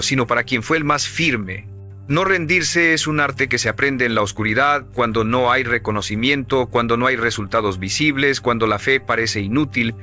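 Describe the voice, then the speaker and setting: A man giving scripted motivational narration in an emphatic, measured, preaching cadence. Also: mid-range voice, sharp tone.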